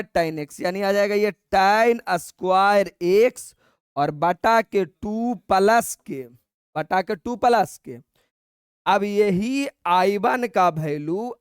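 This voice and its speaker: In a dry, close-miked recording, a man leads an exam-prep maths lesson in a high, smooth, clear voice. He coaxes his students in casual language, calls them brother, and slowly dictates each step before repeating it.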